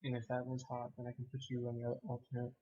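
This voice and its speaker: A man's voice: medium pitch, completely flat delivery, fast talker, dark tone, highs cut off. A man playing a pilot in a military game, talking over a walkie-talkie radio in clipped, matter-of-fact procedure calls. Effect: heard over an in-game walkie-talkie radio.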